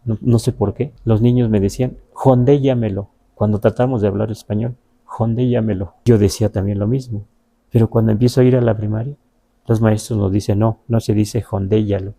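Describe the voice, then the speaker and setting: A man's voice: fairly low pitch, fairly even intonation, quick pace, vocal fry, dark tone. A man with a Mexican Spanish accent whose first language is Nahuatl, teaching in a patient, conversational way and checking in with his listeners. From Huasteca region of Veracruz, Mexico. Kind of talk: explanatory question-and-answer lesson.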